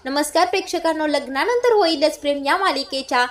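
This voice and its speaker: Woman, high voice, serial recap narrator, lively storytelling straight to the viewers. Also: fairly quick.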